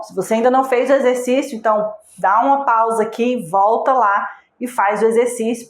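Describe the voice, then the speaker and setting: Female instructor for a recorded video lesson, questioning the viewer, echoey room. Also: fairly high pitch. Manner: asks the viewer direct questions; patient, explanatory, checks in with "tá?". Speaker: online course instructor.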